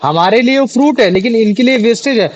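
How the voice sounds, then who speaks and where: Brief: male tutor, high pitch, chatty, keeps quizzing students, mix. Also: lively intonation, fast, rough recording. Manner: chatty, repeats questions to students, many fillers. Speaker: teacher. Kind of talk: classroom biology lesson.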